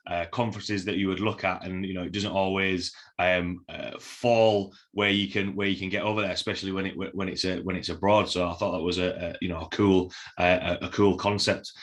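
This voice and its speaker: Bright-voiced man with broad Yorkshire accent. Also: deep voice. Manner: hesitant, halting, repeats words. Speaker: podcast host. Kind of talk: casual interview chat.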